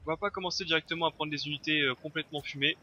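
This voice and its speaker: Bright-voiced man narrating his gameplay. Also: on the high side, steady tone, rapid-fire. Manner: chatty, thinking aloud with frequent hesitations. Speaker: let's play host. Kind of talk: casual gameplay commentary. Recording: slightly dull lo-fi sound, faint noise.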